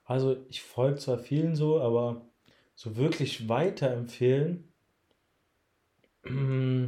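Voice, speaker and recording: A man's voice: mid-range voice, mellow. Young guy bantering in an echoey room. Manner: joking, slangy banter with hesitant pauses. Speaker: podcast co-host. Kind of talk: casual chat.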